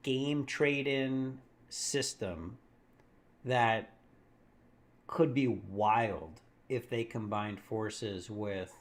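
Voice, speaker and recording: A man hosting a casual live market stream, rambling and thinking aloud, correcting himself as he goes and laughing often. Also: medium pitch.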